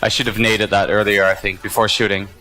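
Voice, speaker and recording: A man talks through a replay of his own match with a bright, forceful voice. He is reflective and self-critical, pausing on hesitant fillers as he works out his mistakes. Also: lowish voice, little pitch movement, poor audio. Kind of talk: gameplay commentary.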